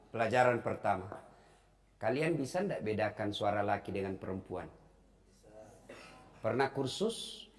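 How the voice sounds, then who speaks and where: A man giving a humorous sermon to young people, joking and acting out little scenes for the audience. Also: medium pitch. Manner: lively, joking, acts out phone calls. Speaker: preacher.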